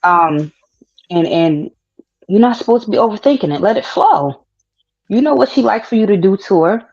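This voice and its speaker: A woman's voice: medium pitch, animated, normal speed, darkish tone. Frank woman giving advice, dull lo-fi audio. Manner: frank, advising, conversational. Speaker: host. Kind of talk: casual advice chat.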